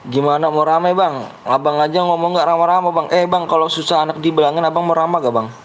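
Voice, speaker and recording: Speaking fast in a voice on the high side, a young Betawi-accented man chats with his viewers during a live gaming stream. He's blunt and brash, says his manner sounds harsh, and repeatedly urges everyone to like and subscribe.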